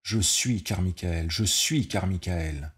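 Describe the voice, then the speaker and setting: A man voicing an alien male mind that seizes a man's body, repeating itself slowly and insistently. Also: low-pitched, slightly rough, exaggerated voice. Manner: insistent, slow repetition.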